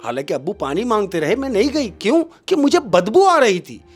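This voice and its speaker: A shrill, demanding young wife, put on by a male storyteller, with her voice leaping high above his own and swinging all over. She talks in an indignant, complaining rush. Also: sing-song, fairly quick, breathy edge, faint music behind, full character voice.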